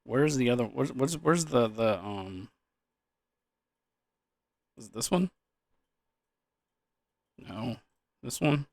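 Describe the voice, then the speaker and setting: A man's voice: medium pitch, lively intonation, slow pace, vocal fry, long pauses, no echo. A young man in a loose, drunken, rambling casual chat about gaming, trailing off, repeating words and swearing casually. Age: young adult. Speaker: gaming vlogger.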